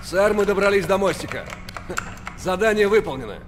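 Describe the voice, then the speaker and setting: A man's voice: high voice, lively intonation, fairly quick, noisy background. An actor playing a dutiful, disciplined male marine soldier reporting in, in a video game. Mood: wary.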